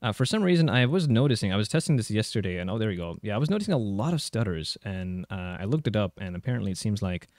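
Low-voiced man, dry close recording. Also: sing-song, quick pace, hardly any pauses, darkish tone, no room sound. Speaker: host of a handheld gaming tech channel. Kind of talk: casual gameplay commentary and tutorial.

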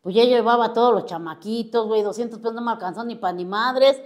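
A woman's voice: fairly high pitch, quick pace, darkish tone, highs cut off. A middle-aged woman with a Mexico City accent shares her personal recovery testimony at an AA group. She speaks bluntly in crude street slang and swears constantly as she talks to the room. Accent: Mexico City Spanish. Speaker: AA member giving testimony.

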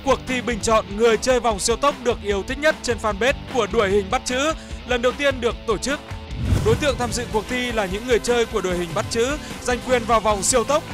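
A man delivers a scripted promotional announcement. His voice is extremely high for a man. Music plays clearly underneath. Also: fast.

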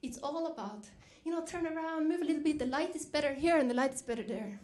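A woman's voice: lively intonation, fast, darkish tone. Woman giving a keynote. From Norway. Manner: reflective storytelling, lifts pitch when quoting herself. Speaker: keynote speaker. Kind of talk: dinner keynote speech.

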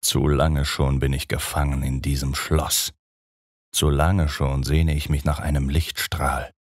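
A man reading an audiobook, voicing a cruel ancient male vampire count who roars in anger and broods softly when calm. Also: rumbling low, unhurried, no room sound, clean studio sound. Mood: weary. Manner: roaring and commanding when angry, soft and brooding when calm.

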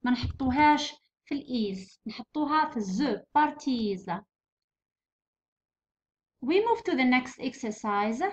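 Algerian woman teaching, high dull-sounding voice. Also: expressive. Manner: explains patiently, repeats words slowly and clearly. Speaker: English teacher. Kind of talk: exam revision lesson. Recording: dull lo-fi recording.

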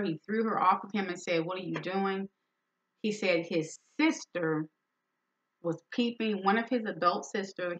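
A woman's voice: on the low side, bright, forceful tone, poor audio. A woman host candidly retelling a friend's painful story in a personal talk, speaking with emphasis.

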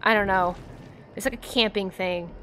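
A young woman streamer from the US East Coast with an American accent casually chats and giggles with viewers while playing a game, using many fillers. Her mid-range voice is sharp in tone, fairly even in intonation and moderate in pace, with slight background noise.

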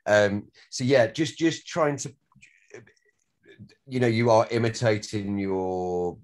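A man's voice: fairly low pitch, takes it slowly. A man with a Northern English accent, a director giving rambling, encouraging notes to actors at a script read. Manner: rambling, repeats words, swears casually.

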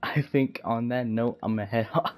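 A young man on a voice call with friends, making deadpan jokes and tripping over his words as he restarts. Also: medium pitch, moderate pace, soft background music. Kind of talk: casual chat with friends.

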